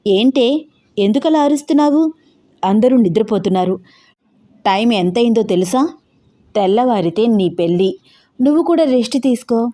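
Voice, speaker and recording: A woman voicing a calm, cautious young female friend who talks casually and soothingly. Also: on the high side, moderate pace, long pauses, lightly acted.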